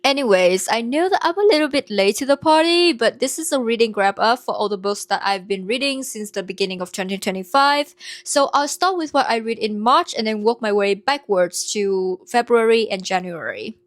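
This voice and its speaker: A woman with a Vietnamese accent chats through her latest books in a casual vlog, earnest and reflective. Her voice sits a little high. The recording is dry and close, with no room sound. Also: animated, normal speed, no room sound. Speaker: book vlogger. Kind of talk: casual book review vlog.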